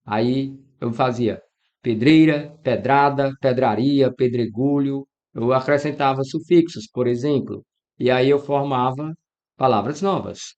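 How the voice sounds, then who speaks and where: The audio is dull, and the man's medium-pitched voice keeps a measured pace. He's a Brazilian Portuguese teacher giving a spirited exam-prep grammar lesson, speaking directly to students and acting out what they'd ask.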